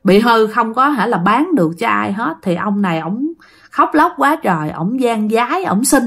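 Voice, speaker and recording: A woman's voice: fairly high pitch, expressive, moderate pace, fairly bright tone. Chatty Southern Vietnamese woman telling a ghost story. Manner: chatty, addresses listeners directly. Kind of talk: casual spoken ghost story.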